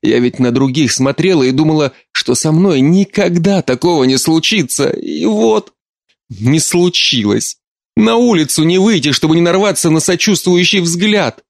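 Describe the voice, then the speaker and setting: A tearful middle-aged mother, as a male reader puts her on, her voice pushed up high and tight with sobs. She pleads and protests through her crying in a dry, close storybook reading. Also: big pitch swings, normal speed, darkish tone, dry recording. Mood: sobbing.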